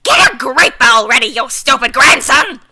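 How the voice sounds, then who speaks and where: A woman voicing a hot-tempered, foul-mouthed old grandmother who scolds loudly, in an amateur visual novel voice-over. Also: fairly high pitch, lively intonation, moderate pace, full character voice. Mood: furious. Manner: loud, shouting, gruff scolding.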